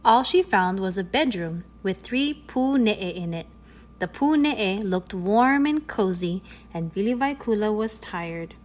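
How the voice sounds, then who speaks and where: Woman reading a children's storybook aloud. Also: medium pitch. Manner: expressive, slows on key phrases. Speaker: storybook reader. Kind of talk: storybook read-aloud narration.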